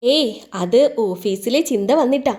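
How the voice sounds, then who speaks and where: A man's voice: extremely high pitch, lively intonation, unhurried, a little mellow. A woman voicing a young wealthy husband who snaps out impatient questions. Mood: irritated.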